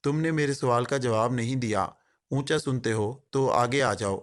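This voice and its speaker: A man's voice: medium pitch, close to an everyday voice. A man voicing a male secret agent who jokes mockingly, then speaks in a cold, hard tone. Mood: cold, stern. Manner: switches from joking patter to cold, hard tone.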